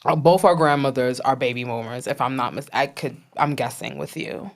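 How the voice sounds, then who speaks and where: A woman's voice: rumbling low, a little fast. A woman in her thirties co-hosting a casual podcast chat, telling stories and acting out the voices she quotes. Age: 30s. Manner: animated storyteller, acts out quoted voices. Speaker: podcast co-host.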